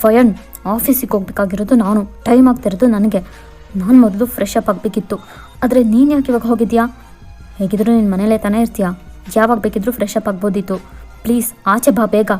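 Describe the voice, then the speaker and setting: A woman's voice: mid-range voice, flat delivery, moderate pace, long pauses, warm tone, soft background music, close to an everyday voice. A woman voicing a cold, dismissive young husband who gives curt orders in a bored, bossy way.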